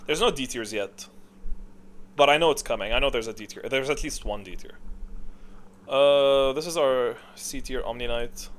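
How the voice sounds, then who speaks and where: A video creator and gamer with a mid-range voice ranks game characters at a moderate pace. The commentary is casual and improvised, drifting as he thinks aloud and corrects himself.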